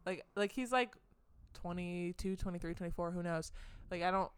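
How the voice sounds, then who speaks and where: A woman's voice: fairly low pitch, moderate pace, clear, resonant tone, dry recording. A young American woman co-hosting a casual podcast, chatty and giggly, often poking fun at herself. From United States. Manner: chatty, giggly, self-deprecating. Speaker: podcast co-host. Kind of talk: casual chat.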